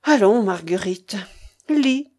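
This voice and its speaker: A woman's voice: lowish voice, animated, takes it slowly, darkish tone, breathy edge, voice pushed down, full character voice. A woman reading aloud and voicing an elderly male village priest, frank and scrupulous, who protests in short exclamations. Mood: giving in.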